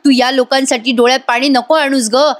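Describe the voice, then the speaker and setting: A woman voicing a protective young husband who soothes and coaxes gently. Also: high voice, steady tone, fairly quick, voice pushed up, close to an everyday voice. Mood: soothing. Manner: soothing, coaxing.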